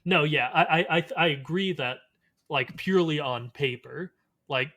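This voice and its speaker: A man's voice: a little high, a little slow, sharp tone. A man co-hosting a podcast, bantering in a playful, teasing way in casual chat. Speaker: podcast co-host.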